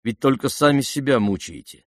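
A man voicing a meek, gentle young prince who speaks mildly and patiently in an audiobook. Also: mid-range voice, animated, normal speed, no room sound, studio quality, natural voice. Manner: mild, patient, earnest. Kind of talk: audiobook character voice.

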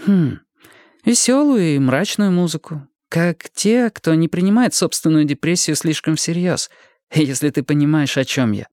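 A man's voice: a little high, animated, normal speed, a little mellow, no room sound, studio quality, voice pushed up, close to an everyday voice. Man playing a reserved young man. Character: quiet, focused young man learning to drive.

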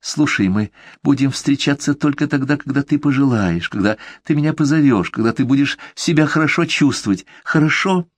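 A man voicing an anxious young man who earnestly pleads with his lover, speaking in a raised pitch. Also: moderate pace, few pauses, no echo, lightly acted. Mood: soothing. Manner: earnest, imploring.

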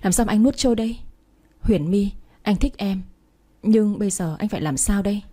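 Woman voicing a young man, heartbroken, tearful, husky. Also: medium pitch, lively intonation, fast talker, warm tone. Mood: distraught. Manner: tearful, pleading.

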